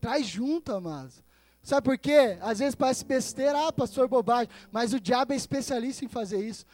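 A man pastor preaching a sermon with a Brazilian Portuguese accent, swinging between loud, emphatic passages and hushed asides. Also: very high voice, animated, normal speed.

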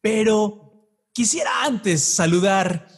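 A man's voice: high voice, lively intonation, takes it slowly, vocal fry, breathy edge. A man hosting a conversational podcast in an effusive, enthusiastic way. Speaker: podcast host.

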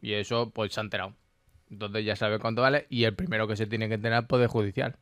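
A man's voice: fairly low pitch, steady tone, fast talker, fairly bright tone, dry recording. A man co-hosting a comic radio talk show, reading out notes and joking about them. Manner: reads out and jokes about notes. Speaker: radio co-host. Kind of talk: casual comic radio banter.

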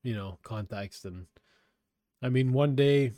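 Casting: young male podcaster, mellow, dry close sound, tipsy and rambling. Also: medium pitch, slow pace, no echo. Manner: rambling, swears a lot, laid-back. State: intoxicated. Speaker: podcast host. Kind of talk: casual chat.

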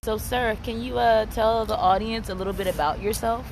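A woman's voice: a little high, steady tone, a little fast, a little mellow, slight background noise, rough recording. A woman podcast host asking playful, coaxing questions in a casual interview, laughing often.

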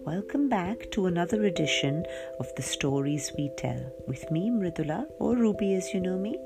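A woman's voice: lowish voice, moderate pace, gravelly, background noise. A woman hosting a story show for children, reading and chatting in a cheery, affectionate way as she addresses young listeners.

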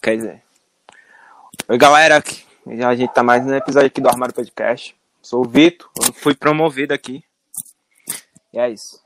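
A man's voice: mid-range voice, steady tone, a little fast. A man with a Brazilian accent co-hosting a podcast with casual banter. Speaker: podcast co-host. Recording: slightly noisy live-stream audio.

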